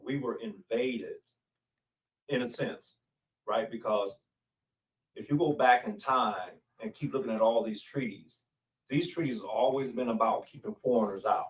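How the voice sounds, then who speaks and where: A man's voice: medium pitch, moderate pace, far from the mic, low-quality recording. A man, a pastor, explaining in a studio interview and asking rhetorical questions.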